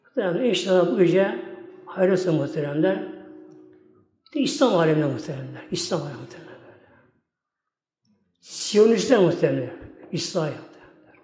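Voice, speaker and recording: A man's voice: on the high side, animated, normal speed, long pauses, darkish tone. A man preaching a religious talk in a mosque, telling folksy stories in a rambling way and repeating his address to the congregation again and again. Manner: keeps repeating "my esteemed ones" and "like this". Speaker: Islamic preacher. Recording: echoey hall with long reverb, faint music.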